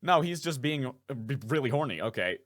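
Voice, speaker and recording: Playful voice actor doing gameplay commentary. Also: male voice, medium pitch, very animated, a little fast, fairly bright tone. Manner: playful, self-deprecating. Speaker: voice actor, let's play host.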